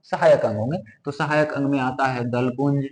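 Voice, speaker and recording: A man's voice: medium pitch, fairly even intonation, normal speed. A man teaching a biology lesson, asking questions and answering them himself as he repeats each term. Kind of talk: classroom lesson with drawing. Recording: echoey room with long reverb.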